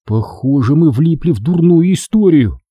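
A man's voice: on the high side, expressive, normal speed, mellow, husky, no room sound, studio quality, voice pushed up. A man voicing a frightened, pleading boy in an audiobook. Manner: raised, pleading, anxious. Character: frightened boy, the first-person hero. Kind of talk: audiobook character reading.

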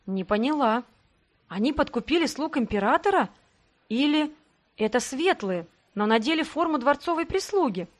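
Female audiobook narrator, dramatic first-person reading, slightly high voice. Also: animated, normal speed.

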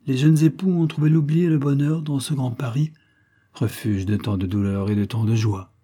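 Man reading a crime story aloud, measured and dramatic, mellow husky voice. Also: medium pitch, fairly even intonation. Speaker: narrator. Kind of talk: audiobook narration.

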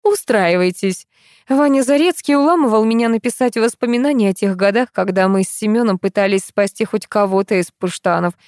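A woman's voice: medium pitch, brisk, darkish tone, dry recording, studio quality, natural voice. A woman reading an audiobook voices a stern old grandmother who gives curt, commanding orders. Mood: calm. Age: older.

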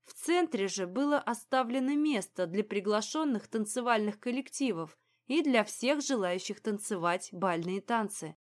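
A woman reading an audiobook in a calm, even storytelling manner. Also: medium pitch, moderate pace. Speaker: audiobook narrator. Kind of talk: scripted audiobook narration.

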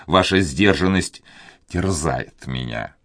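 A man voicing a courteous, impatient young gentleman in love, speaking in his own deep voice. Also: animated, slow, no room sound, clean studio sound, exaggerated voice. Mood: urgent courteous. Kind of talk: audiobook character reading.

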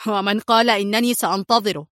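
A woman's voice: medium pitch, quick pace, fairly bright tone, no echo, clean studio sound, natural voice. A woman voicing a menacing male Italian hitman in a spy audiobook, with a mocking, hot-tempered manner. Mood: curt.

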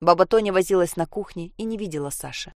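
A woman narrating a story in an even, measured reading. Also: lowish voice, no echo, clean studio sound.

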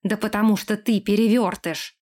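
A woman's voice: medium pitch, steady tone, normal speed, a little mellow, lightly acted. A woman reading an audiobook, voicing a scheming, harsh young lord who gives orders. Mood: angry. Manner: harsh, commanding.

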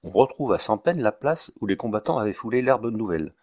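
Guy reading an old novel aloud, calm and measured, lowish voice. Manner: measured, literary storytelling. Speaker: narrator. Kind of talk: audiobook reading of a classic novel.

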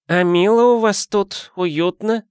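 A man voicing a stern, sharp-tongued old village woman who scolds and warns. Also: sits high, slow, smooth, no room sound, studio quality, pitched above the performer's own voice. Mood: sweet, polite. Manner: scolding, warning.

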